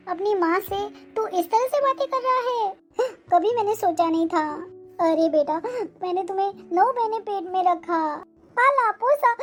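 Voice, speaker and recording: In a very high voice, a woman plays a scolding, self-pitying old mother-in-law in a cartoon family drama, complaining melodramatically.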